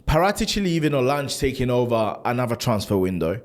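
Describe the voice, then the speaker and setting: Frustrated football fan ranting to camera. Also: male voice, medium pitch, fairly quick. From Italy. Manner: animated, frustrated, lots of restarts and rhetorical questions. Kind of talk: casual opinion rant to camera.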